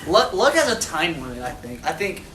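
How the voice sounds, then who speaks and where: A man's voice: a little high, sing-song, brisk, far from the mic, crowd noise. Young man hosting a casual podcast. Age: young adult. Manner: laughing, rambling with many fillers. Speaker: podcast host. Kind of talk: casual chat among friends. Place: room in a house. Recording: echoey room, voice from off mic.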